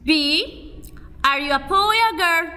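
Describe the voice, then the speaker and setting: A woman teaching spelling to young children, saying each word and letter slowly in a sing-song way. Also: very high-pitched, bright, forceful tone, big-room sound. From Egypt. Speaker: kindergarten English teacher. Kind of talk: spelling drill lesson for young kids.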